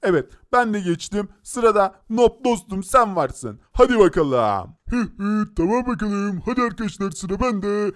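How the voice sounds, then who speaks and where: An excitable young racer in a Minecraft cartoon, played by a man, full of gasps and cries of surprise. His voice sits high and bright for a grown man. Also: unhurried, hardly any pauses. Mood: excited. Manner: excitable, gasps and laughs often. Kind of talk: Minecraft animation voice acting.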